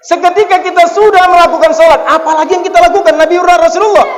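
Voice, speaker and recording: A man's voice: very high voice, steady tone, fast, long reverb tail. A male preacher from North Sumatra giving an emphatic sermon in a mosque, putting questions to the congregation. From North Sumatra, Indonesia.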